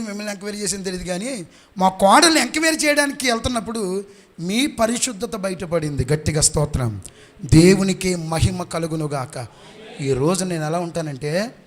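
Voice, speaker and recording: High-voiced fervent Telugu preacher man. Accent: Andhra Pradesh Telugu. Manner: fervent, repetitive exhortation, urging the congregation to praise louder. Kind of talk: sermon. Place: church.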